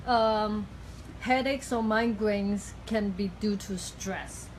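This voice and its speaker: A woman with talks through a hands-on treatment as the practitioner. She is instructive but halting, pausing to find her words. There is clear noise behind her in the room. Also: medium pitch, fairly even intonation. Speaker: acupuncturist giving a cupping treatment. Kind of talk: explaining a treatment in casual talk. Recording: clearly noisy room recording.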